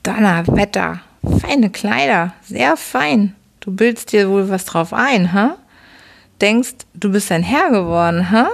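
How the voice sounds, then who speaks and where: A woman voicing a gruff, bullying middle-aged father who scolds his son in a bedtime audiobook reading. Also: mid-range voice, animated, slow pace, exaggerated voice. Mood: scornful. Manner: bullying, scolding, barking questions. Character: gruff shouting drunken old father, middle-aged man.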